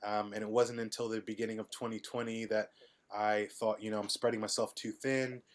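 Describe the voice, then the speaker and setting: Low, flat-voiced man guest. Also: a little fast. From United States, Midwest. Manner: relaxed, hesitant with many ums. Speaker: podcast guest. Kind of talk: casual interview conversation.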